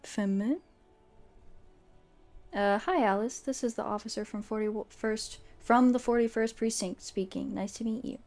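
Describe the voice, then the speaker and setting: A woman's voice: fairly high pitch, fairly even intonation, moderate pace, few pauses, a little mellow. A woman streamer casually commenting as she plays a game, in a playful, chatty way.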